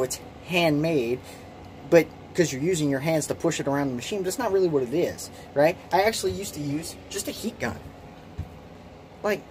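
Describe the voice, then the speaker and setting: Pitched fairly high and a little mellow, this man's voice comes through a phone camera with a faint hiss or hum. He's a late-20s hobbyist kydex holster maker walking casually around his small home workshop shed, rambling, self-deprecating, and restarting constantly with ums.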